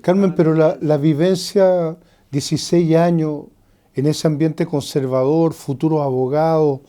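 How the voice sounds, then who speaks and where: A man's voice: on the high side, steady tone, unhurried, warm tone. A man interviewing a guest, asking direct, probing questions.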